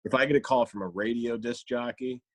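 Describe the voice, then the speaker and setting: A man's voice: medium pitch, steady tone, fairly quick, no echo. A man, a comedian and voice actor, chatting as a podcast guest, reflective and storytelling, slipping into playful voices now and then. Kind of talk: casual chat.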